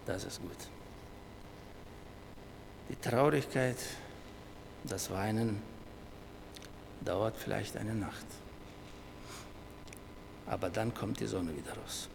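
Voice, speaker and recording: A middle-aged man preaching a sermon, dropping to soft low asides and then raising his voice loudly when he quotes. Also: slow pace, creaky, long pauses. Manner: swings between soft low asides and loud raised quoting. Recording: reverberant hall with faint noise.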